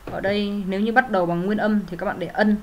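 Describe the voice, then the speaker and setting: A woman's voice: medium pitch, steady tone, fast talker, highs cut off, slight background noise. A woman teaching English grammar, working through answers step by step in a methodical way, with frequent fillers and self-corrections. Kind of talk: explaining grammar exercises.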